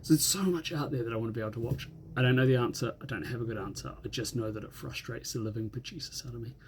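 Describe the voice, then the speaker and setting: Middle-aged male, New Zealand accent, for a casual grumbling rant; brisk delivery, gravelly fry in the voice. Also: medium pitch, a little hiss or hum. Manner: grumbling, exasperated old-man rant, mildly sweary. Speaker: rugby fan.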